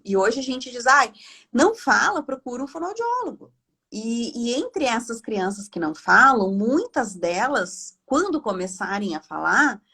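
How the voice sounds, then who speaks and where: Husky woman explaining chattily. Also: medium pitch, a bit bright. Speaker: speech therapist guest. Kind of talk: live online talk. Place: home. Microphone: video call.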